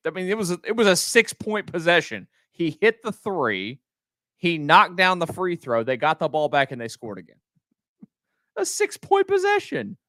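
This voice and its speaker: A man's voice: a little high, pushed and bright, no echo, studio quality. A middle-aged man hosting a post-game sports podcast, ranting in an exasperated, emphatic way and restarting his sentences often.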